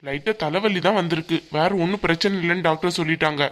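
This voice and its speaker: A man's voice: a little high, fast talker, fairly bright tone, lightly acted. A man voicing a husband in a cartoon who scolds in an exasperated way but means well. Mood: firm. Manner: chiding, exasperated. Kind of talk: cartoon voice acting.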